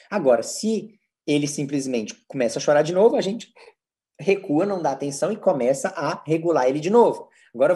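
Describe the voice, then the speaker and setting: In a didactic lecture, a man with a Brazilian Portuguese accent speaks with lively, swinging intonation, raising rhetorical questions and answering them himself. He proceeds in clear steps, the way a psychologist walks listeners through practical cases.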